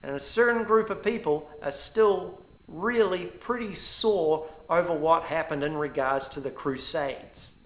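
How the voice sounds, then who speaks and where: A man's voice: a little high, a little slow, few pauses, fairly bright tone. Emphatic New Zealand man, echoey room. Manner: emphatic, indignant, rambling asides. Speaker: vlogger. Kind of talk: direct-to-camera opinion monologue.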